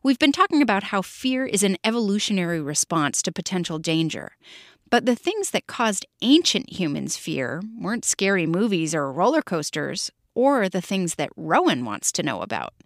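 Lively woman podcast host, dry sound. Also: lowish voice, normal speed, no echo. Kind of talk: scripted narration.

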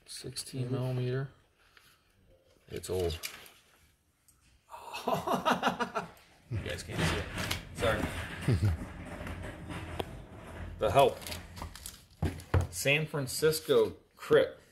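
A man's voice: medium pitch, very animated, extremely slow, pauses often. A man in his thirties with a mid-range voice chats his way through an unboxing, reading labels aloud and joking with the people around him. He sounds casual and talkative, with a faint noise behind him. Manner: chatty, reads labels aloud, teases crew. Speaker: auctioneer. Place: indoor storage area with block walls.

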